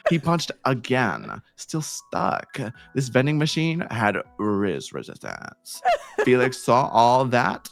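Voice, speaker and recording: Male streamer, comedic fanfic read, wildly swinging pitch, unhurried delivery. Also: vocal fry. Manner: animated, playful storytelling with sudden shouts. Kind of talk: comedic fan fiction reading.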